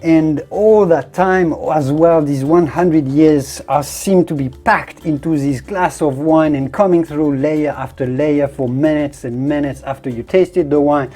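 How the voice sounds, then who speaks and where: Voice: medium pitch, steady tone, unhurried, few pauses, warm tone, soft background music. A wine connoisseur presenting a tasting in an effusive, descriptive way, leaning on emphatic superlatives. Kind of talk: presenter-style product review and tasting commentary.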